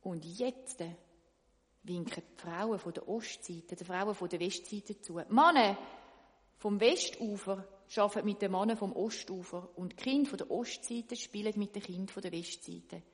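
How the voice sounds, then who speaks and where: A woman tells a children's story lively, speaking straight to her young listeners. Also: medium pitch, normal speed. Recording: long reverb.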